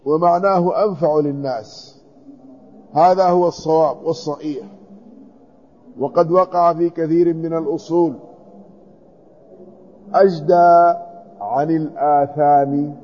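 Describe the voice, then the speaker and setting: A man teaching a hadith commentary lesson, reading a passage aloud and then explaining each word. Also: on the high side. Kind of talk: classical text commentary lesson. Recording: dull lo-fi recording.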